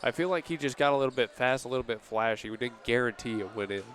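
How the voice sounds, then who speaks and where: A man doing casual play-by-play commentary on a high school basketball game for a local radio stream, with easy asides between plays. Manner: steady play-by-play, casual asides and quick self-corrections. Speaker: play-by-play announcer.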